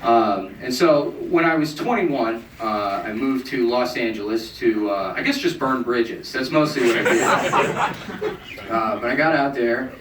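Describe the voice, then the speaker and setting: A young comedian talks through a deadpan, self-mocking stand-up set, jumping into a high, mocking voice for the people in his stories. His voice sits at an everyday middle pitch. It comes from an amateur club recording, picked up from a distance in an echoey room with loud noise underneath. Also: measured pace. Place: comedy club stage with audience laughing.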